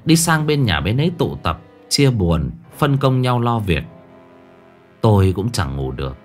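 A man's voice: lowish voice, very animated, a little slow. A man narrating a first-person horror story in a dramatic, tense way. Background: faint music.

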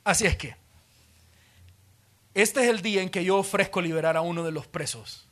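A man's voice: high voice, moderate pace, fairly bright tone. A man with a Salvadoran Spanish accent preaching a sermon in a church auditorium, telling the story dramatically and acting out the scenes. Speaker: pastor.

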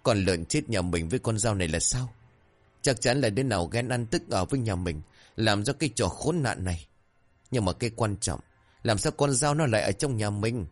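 A man playing a stern, worried old village husband who speaks gruffly. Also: on the low side, animated, moderate pace, soft background music. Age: older. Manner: gruff, scolding.

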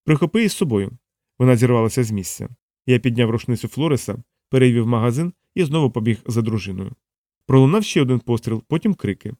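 A man reading a first-person novel aloud in a measured, steady voice. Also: mid-range voice, no echo, studio quality. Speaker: audiobook narrator. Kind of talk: first-person audiobook narration.

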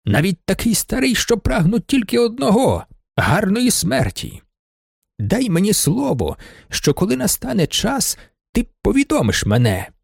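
A man's voice: high voice, huge pitch swings, moderate pace, creaky, husky, dry recording, studio quality, voice pushed up, exaggerated voice. A man voicing an old, loyal male shop clerk who speaks to his friend in an earnest, fatherly way.

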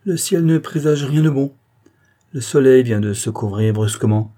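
A man reading the part of a calm, resolute young nobleman in a novel, measured and steady. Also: medium pitch, pitched above the performer's own voice, lightly acted. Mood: concerned.

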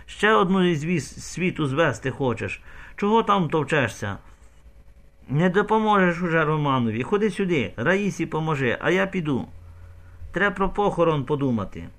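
A man voicing a coarse, domineering village boss who barks orders gruffly. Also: fairly high pitch, big pitch swings, normal speed, fairly bright tone, voice pushed up. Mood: angry.

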